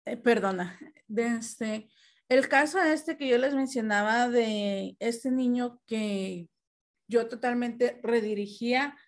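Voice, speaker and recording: A woman taking part in an online class, adding a comment in a hesitant way with fillers. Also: on the high side. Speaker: class participant.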